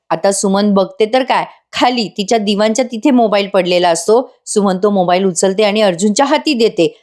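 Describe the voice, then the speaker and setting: A woman's voice: mid-range voice, darkish tone. A woman narrating a chatty voice-over recap of a TV serial episode and talking directly to the viewers.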